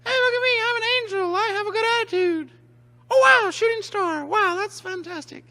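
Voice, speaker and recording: A man's voice: very high-pitched, moderate pace, pushed and bright, voice pushed up, exaggerated voice. A man voicing a tiny, eager, gushing cheerful character in a comic puppet show. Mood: chirpy. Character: squeaky, chirpy little puppet angel, eager to please.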